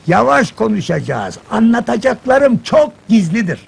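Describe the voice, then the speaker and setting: An actor playing a pompous older minister who scolds and whispers secrets in a 1970s film comedy. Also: male voice, high-pitched, very animated, normal speed, vocal fry, breathy edge, heavily acted.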